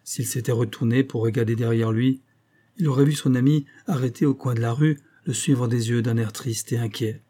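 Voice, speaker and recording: A man narrating a novel in a steady, even reading voice. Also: medium pitch, fairly quick. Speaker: audiobook narrator. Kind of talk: scripted narration.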